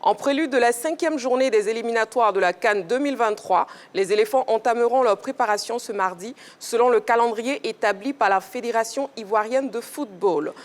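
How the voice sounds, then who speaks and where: A woman's voice: a little high, a little fast, hardly any pauses. Woman host reading sports bulletins. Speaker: show host. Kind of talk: news reading and studio hosting.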